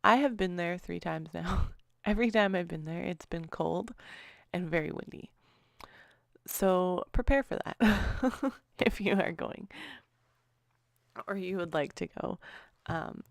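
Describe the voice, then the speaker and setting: A woman's voice: on the low side, measured pace, gravelly, long pauses, no echo, clean studio sound. A woman narrating her own crafting video in a casual, chatty voice-over, often apologizing and trailing off with small laughs. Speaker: scrapbooking vlogger.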